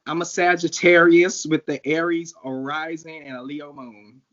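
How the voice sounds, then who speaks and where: A drag performer in his thirties from St. Louis, talking through his story in a loose, animated way and laughing often. His voice sits a little high. The audio is dull and lo-fi. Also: a little slow. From St. Louis, Missouri. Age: 30s. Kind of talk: casual interview storytelling.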